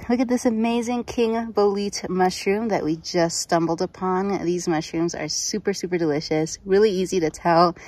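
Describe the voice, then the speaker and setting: A woman's voice: fairly low pitch, a little mellow, rough recording. A woman narrating a casual hiking vlog outdoors on a mountain trail, gushing with enthusiasm. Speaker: vlogger.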